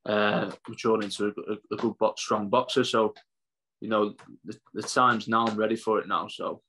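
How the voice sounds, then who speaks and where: A man in his twenties speaks as a boxer in a casual interview. His voice sits a little low. He is matey and laid-back, often circling back over the same phrase. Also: level tone, normal speed, pushed and bright, a little hiss or hum, poor audio. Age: 20s. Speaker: professional boxer being interviewed.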